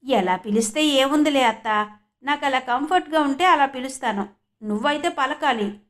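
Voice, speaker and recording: A woman's voice: high-pitched, moderate pace, fairly bright tone. A woman voicing a young woman who has just become an assistant professor, speaking eagerly in an audiobook. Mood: teasing.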